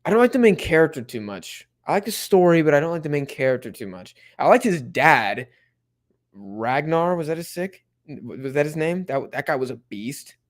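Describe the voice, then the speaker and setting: A man's voice: a little high, normal speed. Laid-back young man hosting a watch-along. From Mexico-supporting fan. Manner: laid-back, chatty, bursts of excitement at plays. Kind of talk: casual live commentary and chat reading.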